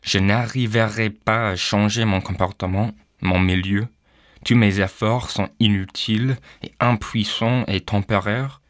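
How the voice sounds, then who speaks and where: Low-voiced hesitant man. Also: fairly even intonation, unhurried, no echo, studio quality. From Canada. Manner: hesitant, frequent "euh" fillers. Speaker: pastor, guest. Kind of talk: personal testimony.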